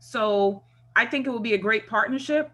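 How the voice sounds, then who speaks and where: A woman's voice: fairly high pitch, normal speed, bright, forceful tone. A woman from Jamaica with a Jamaican accent, a retired first sergeant giving conversational remarks on a video call, often filling with "you know" and "um". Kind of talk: virtual conference remarks.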